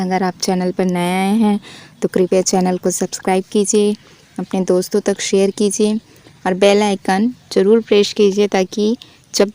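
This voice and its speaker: A woman teaching grammar, asking questions and answering them herself, and reading verse examples slowly. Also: mid-range voice, warm tone, no room sound. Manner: drills with repeated questions and answers. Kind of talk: Hindi grammar lesson.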